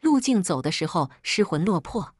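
A woman's voice: fairly low pitch, very animated, moderate pace, breathy edge, no echo, clean studio sound. A woman narrating a first-person melodrama story in a cool, bitter storytelling manner.

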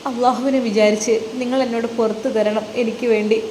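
Brief: woman voicing fearful young pregnant wife, tearful pleading, raised pitch, roomy faint hiss. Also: steady tone, fairly quick, a little mellow, natural voice.

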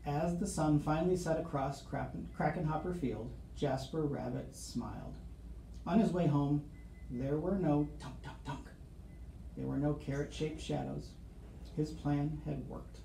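A middle-aged school storyteller sits at a desk in a small office, reading a children's picture book aloud with expression, suspenseful pauses, and asides to young listeners. His slightly high voice has vocal fry and a dark tone, and a camera across the desk picks up a roomy office sound with faint background noise.

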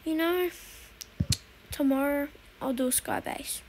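A woman giving casual, excitable commentary while streaming a game, repeating herself and talking to her chat. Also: sits high, a little slow, slight background noise, low-quality recording.

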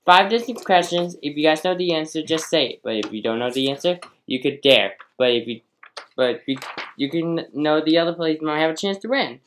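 A woman's voice: deep voice, slight background noise. A woman hosting a playful pretend game show, rambling and stumbling over the questions as she reads.

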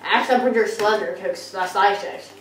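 A woman's voice: medium pitch, fairly quick, fairly bright tone, heavy reverb, a little hiss or hum, lightly acted. A young woman playing a bossy, fussy young male villain in a fan cosplay skit, in a home kitchen filmed by a far camera. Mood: exasperated. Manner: bossy, exasperated, nagging.

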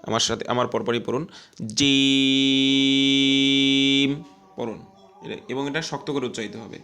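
A man teaching an online Quran recitation class, drawing out syllables for students to repeat and explaining calmly between drills. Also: mid-range voice, creaky. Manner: slow, drawn-out syllable drills with louder repetitions.

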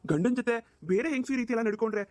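A woman's voice: fairly high pitch, racing, darkish tone, no echo, studio quality, lightly acted. A woman voicing a flustered young husband in a cartoon, pleading and defensive. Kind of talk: cartoon voice acting.

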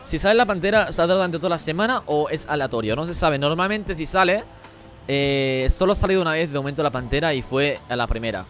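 A man streaming a game live, talking rapidly as he reads and answers the chat. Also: a little high, expressive, a bit bright, soft background music. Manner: rapid-fire talk while reading chat. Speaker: gaming streamer.

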